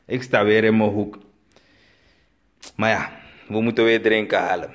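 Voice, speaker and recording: A man from Suriname with a Surinamese Dutch accent, telling a comic story and acting out the dialogue, with sudden high bursts. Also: steady tone, measured pace. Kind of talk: storytelling comedy.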